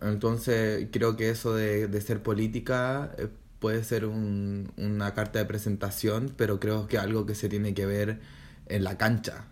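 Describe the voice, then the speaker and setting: A drag artist from Chile with a low, Chilean-accented voice, speaking as a podcast guest. Thoughtful and unhurried, they stop often to find the right word before carrying on. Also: male voice, level tone. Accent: Chilean Spanish. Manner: thoughtful, pauses often to search for words. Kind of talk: casual podcast interview.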